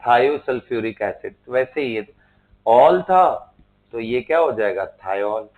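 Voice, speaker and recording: This chemistry teacher speaks at medium pitch in an animated, darkish voice, taking things slowly. Lecturing in a mix of Hindi and English, he spells out terms letter by letter and checks on his students, over tinny phone-like lo-fi sound.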